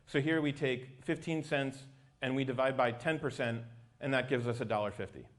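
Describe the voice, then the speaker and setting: A man's voice: medium pitch, fairly even intonation, moderate pace. A man giving an explanatory technical talk as a company presenter.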